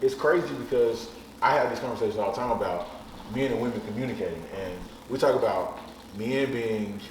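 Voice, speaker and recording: A man's voice: mid-range voice, brisk, recorded from a distance. A man in his thirties, a podcast guest talking frankly and bluntly in casual chat, swearing casually. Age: 30s. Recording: echoey room, off-mic, faint noise.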